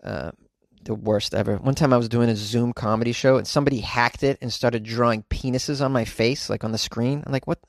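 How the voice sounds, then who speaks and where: A man hosting a comedy podcast from inside a closet, riffing in an animated, caffeinated, goofy way and repeating phrases for effect. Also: mid-range voice, a little fast, vocal fry, no room sound, clean studio sound. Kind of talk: comedic news commentary and rambling monologue.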